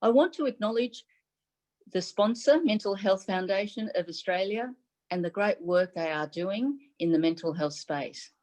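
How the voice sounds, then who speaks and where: A middle-aged woman, born in Taiwan and a native Mandarin Chinese speaker, delivers a prepared symposium address as chief medical advisor over a video call from a room at home, captured on her webcam. Her mid-range voice is animated and slightly mellow. She speaks formally and measuredly, in short phrases.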